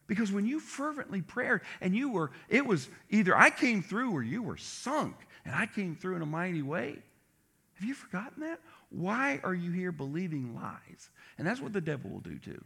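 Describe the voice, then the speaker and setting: A man preaching a sermon as pastor, animated and acting out voices in his story. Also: sits high, normal speed, gravelly, husky. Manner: animated, acts out biblical voices.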